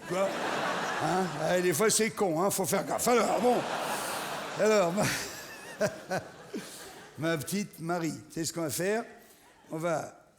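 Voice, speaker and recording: On a theatre stage, a middle-aged stand-up comedian runs a crude, teasing routine and eggs on his audience. His voice is high and slow, broken by long pauses, and the live hall recording is noisy with a loud crowd.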